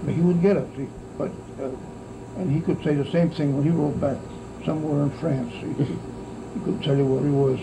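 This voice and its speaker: Very old man, American accent, aged gravelly voice, slightly high pitch, halting rambling reminiscence, casual storytelling. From United States. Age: very elderly, about 90s or older. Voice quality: aged, creaky voice. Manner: old man's halting, rambling storytelling with repeated "see" tags. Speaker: grandfather recalling wartime childhood. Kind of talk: casual oral-history reminiscence. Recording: noisy, steady insect-like background hum.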